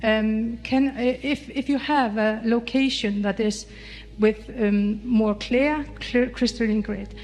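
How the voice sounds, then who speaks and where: A woman's voice: fairly high pitch, steady tone, slow, a little mellow. A woman from Iceland asking a question hesitantly, with many fillers. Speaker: audience member asking a question.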